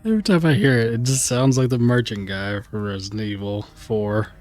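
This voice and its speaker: A man's voice: mid-range voice, fairly quick, a little mellow, faint music behind. A man chatting casually and wryly while playing a game, with joking, rambling asides. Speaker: let's play gamer. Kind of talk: casual gaming commentary.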